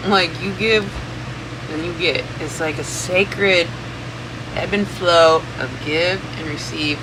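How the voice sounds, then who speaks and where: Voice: medium pitch, takes it slowly. An informal tarot reader who rambles and thinks aloud, swearing casually, with a fan running in the room. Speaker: tarot reader, channel host. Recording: steady fan noise throughout.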